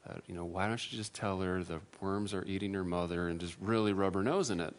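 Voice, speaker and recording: A man giving a personal testimony to an audience, earnest and self-deprecating, with halting restarts. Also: low voice, a little hiss or hum. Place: room with an audience.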